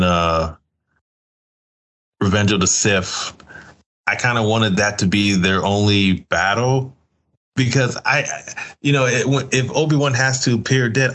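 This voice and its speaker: A man hosting a podcast in casual chat, animated and joking, with slangy speech. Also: fairly low pitch. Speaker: podcast host.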